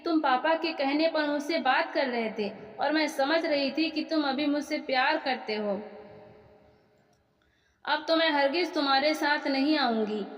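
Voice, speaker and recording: A proud, quick-tempered young wife who answers in a sharp, indignant way, voiced by a woman telling the story. Her voice sits high. It rings with long reverb in an echoey room. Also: lo-fi sound. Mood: angry.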